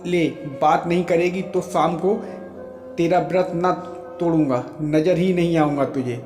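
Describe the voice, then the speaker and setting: A man's voice: on the high side, fairly even intonation, a little slow, a little mellow, natural voice. A man voicing a young soldier husband who jokes and teases his wife fondly, in a storybook reading. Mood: teasing. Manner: joking, teasing, laughing. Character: young soldier husband, playful, teasing, devoted. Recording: roomy echo with faint music.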